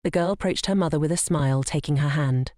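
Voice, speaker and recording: A woman narrating a comic story recap in an even, steady, scripted storytelling manner. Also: sits low, quick pace, no echo, clean studio sound.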